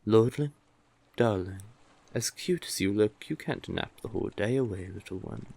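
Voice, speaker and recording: Voicing a possessive, manipulative sea witch who dotes on the listener, this man speaks on the low side with vocal fry and a darkish tone. The intimate roleplay feels doting and teasing, his coaxing slow and tender, full of pet names.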